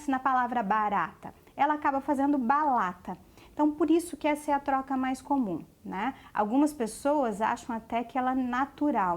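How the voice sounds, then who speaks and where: A Brazilian woman speech therapist explaining children's speech development to parents, checking in often with tag questions and slowing down for warnings. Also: high voice. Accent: Brazilian Portuguese. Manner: slows to stress warnings. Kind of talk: educational talk to parents.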